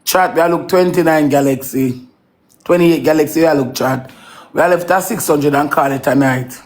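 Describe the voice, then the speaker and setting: A woman's voice: low-pitched, normal speed, a little mellow. A Jamaican woman in her thirties hosting a live stream, coaxing her chat with repeated call-outs in patois. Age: 30s.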